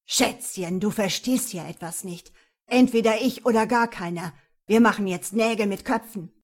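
A woman reading aloud and voicing a violent, jealous man who snarls and shouts his accusations. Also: medium pitch, normal speed, natural voice. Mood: furious. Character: jealous, violent adult man, menacing and possessive.

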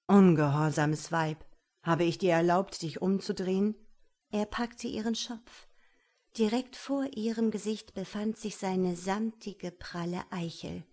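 A woman reading an audiobook aloud in a measured, intimate narration. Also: medium pitch, warm tone. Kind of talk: scripted narration.

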